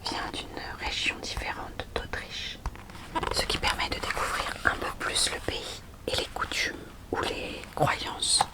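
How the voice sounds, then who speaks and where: A young adult woman presenting books in a soft, unhurried library whisper, in the style of an ASMR recommendation video. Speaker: ASMR host recommending storybooks. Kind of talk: whispered ASMR book talk.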